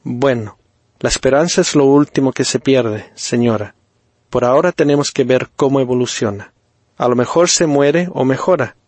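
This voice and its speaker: A man playing a solemn, pompous doctor who lectures gravely with theatrical pauses. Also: medium pitch, darkish tone, dry recording, natural voice. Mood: grave lecturing. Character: solemn middle-aged male doctor, pompous.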